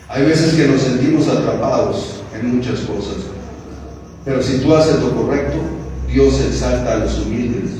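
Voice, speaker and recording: A Mexican man preaching a sermon. He moves between calm Bible reading and emphatic exhortation that grows more insistent. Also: medium pitch, a little hiss or hum. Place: large church hall. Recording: echoey hall recorded from a distance.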